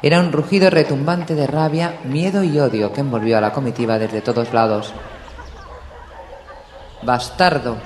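A man reading an audiobook in a steady, measured storytelling voice. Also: medium pitch. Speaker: audiobook narrator. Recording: echoey room with long reverb, faint hiss.

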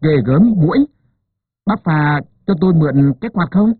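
A man's voice: mid-range voice, lively intonation, normal speed, breathy edge, no echo. A man voicing a grumpy old village midwife who scolds and grumbles. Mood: scolding. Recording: narrow phone-like sound.

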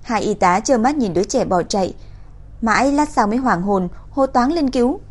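A woman reading a crime novel aloud in an even, steady storytelling voice. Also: on the high side, normal speed. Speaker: narrator. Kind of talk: audiobook narration.

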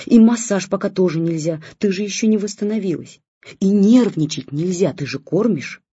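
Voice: medium pitch, moderate pace, breathy edge, no room sound. A reader voicing a doting, anxious new father who coos and fusses over his baby, in a dull lo-fi audiobook recording. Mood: pleading. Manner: cooing, soft and fussing.

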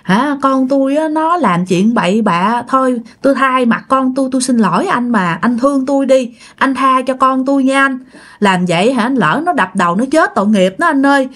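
A desperate mother, played by a woman, begging over and over for her son. She pleads softly and earnestly in a spoken ghost story. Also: high voice, expressive, normal speed, pitched above the performer's own voice. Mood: pleading.

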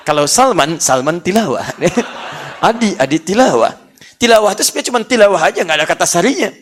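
A male preacher giving a sermon to a congregation. He jokes and laughs, repeats challenges to his listeners, and swings from hushed, slow passages to loud, high outbursts. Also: animated, slight background noise. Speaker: Islamic preacher.

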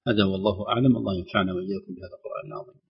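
A man teaching Quran recitation and correcting pronunciation, who slows down to sound out words syllable by syllable. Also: deep voice, fairly even intonation, gravelly, breathy edge. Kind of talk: explaining recitation rules. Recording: dull lo-fi broadcast sound.

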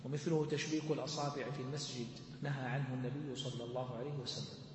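A man's voice: mid-range voice, fairly even intonation, quick pace, a little hiss or hum. A man explaining a classical religious text to students in a methodical way, asking questions and answering them himself. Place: large mosque hall. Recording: echoey hall with long reverb.

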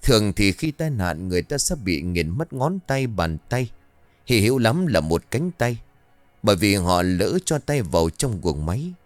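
A man's voice: lowish voice, big pitch swings, moderate pace, no room sound, faint music behind. A man reading a horror story aloud in a dramatic, storytelling manner. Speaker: narrator. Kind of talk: scripted horror story narration.

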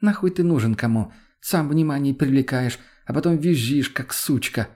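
A man voicing a young woman who talks in a sluggish, flat way and is bluntly rude. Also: medium pitch, moderate pace, natural voice.

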